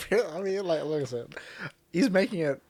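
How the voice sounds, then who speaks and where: A man's voice: fairly high pitch, lively intonation, moderate pace, a little mellow, no echo, studio quality. A young man co-hosting a podcast, chatting casually and giving blunt, sweary opinions. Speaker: podcast co-host. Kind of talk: casual chat, reacting to videos.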